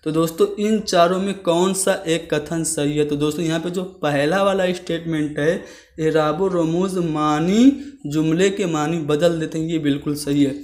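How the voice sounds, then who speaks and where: A man with a fairly high voice works through exam questions one by one. He reads each option aloud and explains it patiently. The room around him is echoey. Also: fairly even intonation, normal speed, a little mellow. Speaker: exam teacher. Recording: roomy echo.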